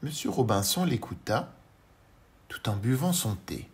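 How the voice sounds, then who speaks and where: A male storyteller narrating a children's audiobook, slow, gentle and expressive as he addresses a young listener. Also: fairly low pitch.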